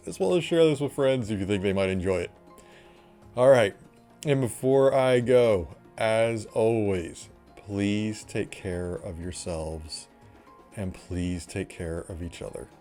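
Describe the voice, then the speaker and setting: A man hosting a reaction vlog, talking in a casual, excitable way that rambles and often restarts. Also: on the low side. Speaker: channel host reacting to a TV episode.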